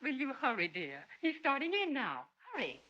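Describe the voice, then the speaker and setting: A soothing middle-aged mother, expressive and lilting, muffled old film sound. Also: high-pitched, normal speed, heavily acted. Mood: tender. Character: gentle, protective mother. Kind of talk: 1930s film acting. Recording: dull 1930s film soundtrack.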